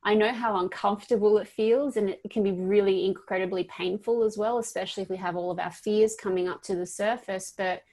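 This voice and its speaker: A woman's voice: mid-range voice, steady tone, brisk, few pauses, darkish tone. Upbeat Australian woman in her thirties. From Perth, Australia. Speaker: life coach guest. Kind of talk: casual interview talk.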